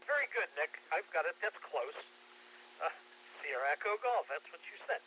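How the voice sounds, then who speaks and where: A man running a radio net as net control, polite and steady with many fillers, heard over a staticky two-way radio. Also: fairly high pitch, normal speed. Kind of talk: radio net check-ins. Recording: narrow, hissy two-way radio.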